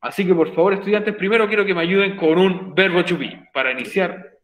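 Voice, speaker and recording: A man's voice: sits high, fairly quick, a bit bright. Patient male teacher, roomy echo. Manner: patient, repeats points, checks understanding with frequent "ok?". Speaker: English teacher. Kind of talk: virtual class explanation in Spanish.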